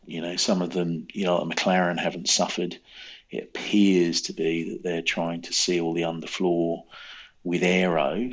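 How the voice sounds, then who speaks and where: Husky low-voiced podcast co-host. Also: male voice, fairly bright tone. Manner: hesitant, many ums and you-knows. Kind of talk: casual motorsport discussion.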